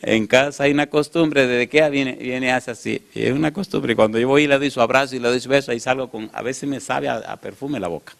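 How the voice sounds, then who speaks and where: A man preaching a sermon, again and again asking the congregation "yes or no?" and swinging from loud calls to quiet, low storytelling. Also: brisk, creaky, few pauses. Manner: asks the congregation "yes or no?" over and over.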